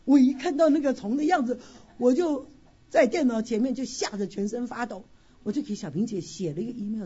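Woman with a lively, husky voice. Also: fairly high pitch, highs cut off. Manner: expressive storytelling with frequent sighing exclamations. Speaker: church member sharing a testimony. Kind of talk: emotional personal testimony at church.

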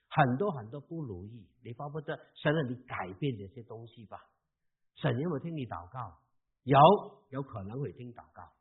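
Male pastor, husky voice, mid pitch, emphatic sermon, lo-fi thin recording. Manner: emphatic, swings between loud and soft. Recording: tinny phone-like sound.

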